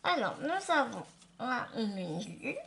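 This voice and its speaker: Speaking slowly with big pitch swings, this woman's slightly high voice is creaky and a bit bright. She gushes warmly to viewers while unboxing crafts, her s sounds slushy from a slight lisp following dental surgery, over slight background noise.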